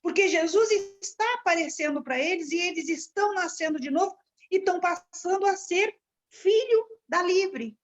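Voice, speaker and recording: A woman with a high voice works through a Bible passage in a study class, with many pauses and restarts. The sound is dull and lo-fi. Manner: searching, halting delivery with restarts. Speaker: class participant.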